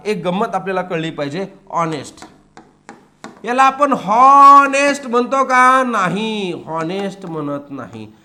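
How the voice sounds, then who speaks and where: A man teaching English grammar in a lively classroom style, asking questions and answering them himself, slowing down to read example sentences. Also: high voice. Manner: lively, asks and answers his own questions.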